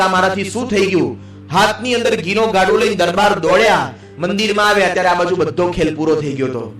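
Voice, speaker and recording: High-voiced monk preaching in a hall. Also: male voice, fairly bright tone. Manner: quick narration, briefly voicing characters in lower tones. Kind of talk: storytelling sermon. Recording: echoey hall, distant mic.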